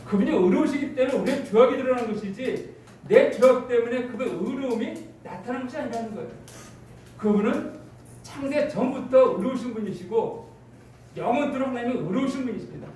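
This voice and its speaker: A male pastor delivers a sermon, unpacking a scripture passage and bringing it to life with acted-out illustrations. His voice sits high. It rings through a cavernous, echoing church hall, with faint room noise behind it. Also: brisk, a little mellow. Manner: preaching with spoken illustrations and quoted dialogue. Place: church sanctuary. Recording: echoey church hall, mic at a distance.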